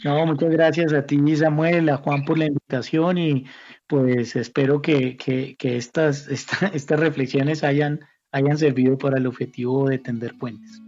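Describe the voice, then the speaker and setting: Speaking unhurriedly in a slightly high, steady, a little mellow voice, this Colombian institute director is an academic guest in an interview. He thinks aloud reflectively, frequently repeating words as he hunts for the next. Soft background music plays, and the recording sounds slightly dull and muffled.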